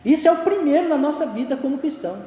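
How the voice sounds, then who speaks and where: Pastor preaching in an echoey hall. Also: male voice, extremely high pitch, expressive, fast talker, warm tone. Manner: conversational preaching with frequent "né" tags. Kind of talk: sermon.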